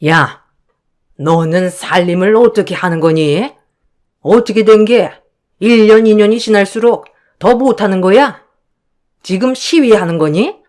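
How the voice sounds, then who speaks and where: A woman's voice: mid-range voice, unhurried, darkish tone, close to an everyday voice. A woman voicing a harsh, scolding older mother-in-law in a dramatized story. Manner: scolding, contemptuous.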